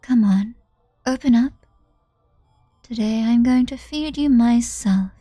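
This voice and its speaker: A woman's voice: a little high, slow, warm tone, dry recording, clean studio sound. A woman voicing a cruel, mocking young woman who taunts and laughs, reading a visual novel aloud. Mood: gleeful.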